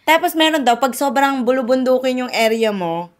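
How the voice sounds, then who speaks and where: A woman's voice: high-pitched, lively intonation, moderate pace. A woman from the Philippines hosting a podcast in a casual, chatty way, laughing often and acting out quotes. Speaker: podcast host. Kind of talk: casual chat.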